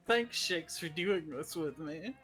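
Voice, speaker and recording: A man voicing a giddy, tipsy prankster woman from a game, halting and gushing. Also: on the high side, lively intonation, pushed and bright, faint music behind, exaggerated voice.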